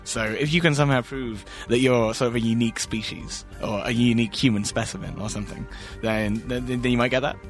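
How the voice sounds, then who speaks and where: A man's voice: medium pitch, steady tone, a little fast, hardly any pauses, faint music behind. A man co-hosting a comedy podcast with dry, wry jokes. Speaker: co-host.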